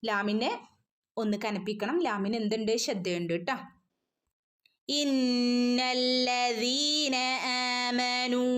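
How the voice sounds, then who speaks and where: A woman teaching an online Quran recitation lesson, patiently explaining rules between slow chanted verses. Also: mid-range voice.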